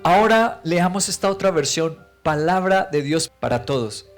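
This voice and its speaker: A man's voice: on the high side, lively intonation, normal speed, faint music behind. A male pastor preaching a sermon in an emphatic way, with rhetorical questions and vivid storytelling.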